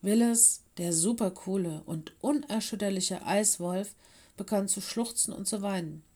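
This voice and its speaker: A woman narrating a children's story in a calm, measured way. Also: medium pitch. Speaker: audiobook reader.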